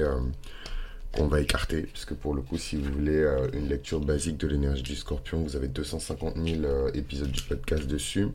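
A man with a gravelly morning voice and vocal fry, talking casually and hesitantly as a podcast host, with slangy turns of phrase. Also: extremely low pitch, darkish tone, slight background noise. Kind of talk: casual unscripted monologue.

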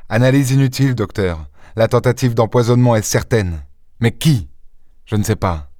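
A man reading aloud and voicing a calm, grave gentleman detective in a low, measured, solemn tone. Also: no room sound, studio quality, natural voice.

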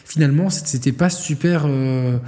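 French podcast guy, dark hall echo. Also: mid-range voice, moderate pace. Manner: rambling, many fillers and restarts. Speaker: podcast co-host. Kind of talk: casual gaming podcast chat.

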